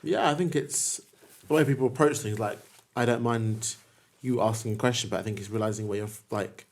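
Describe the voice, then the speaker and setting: A young man from the student union, speaking carefully on a podcast and often searching for words. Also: on the low side. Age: young adult. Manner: hesitant, measured, searching for words. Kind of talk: casual podcast chat.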